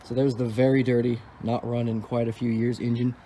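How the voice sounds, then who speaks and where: Working on his car, a young vlogger thinks out loud in an offhand, fairly quick stream, tossing in sarcastic wisecracks as he goes. His pitch sits in the middle range, and a constant hum of background noise runs beneath his casual commentary.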